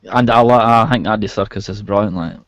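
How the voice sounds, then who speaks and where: A man's voice: on the low side, a little fast. A man chatting casually about movies. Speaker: chat guest.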